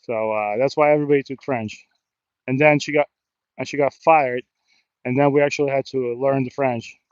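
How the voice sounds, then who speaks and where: A man from New Jersey, United States, jokes at his own expense while rambling on an outdoor live stream from a river in a park, in an American accent. His medium-pitched voice is fairly even and moderately paced. The recording is dry, with the highs cut off.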